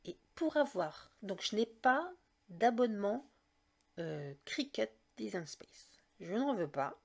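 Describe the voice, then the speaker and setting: A woman's voice: mid-range voice, big pitch swings, slow, gravelly. A woman hosting a casual step-by-step craft tutorial, chatty and explaining each click as she goes. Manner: chatty, leans on "donc" and "d'accord?".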